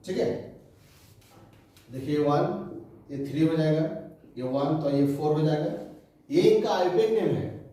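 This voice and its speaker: Male chemistry tutor, mellow mid-high voice, far off in a very echoey room. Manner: repeats key terms slowly, quizzes students. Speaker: chemistry teacher. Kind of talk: classroom lecture.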